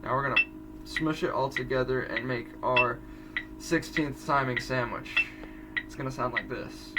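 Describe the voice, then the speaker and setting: Teen boy, rambling drum-tutorial host, mid-pitch, off-mic with loud drums nearby. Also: normal speed, recorded from a distance, very noisy. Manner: chatty, self-correcting, rambling asides. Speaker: drumline student teaching audition exercises.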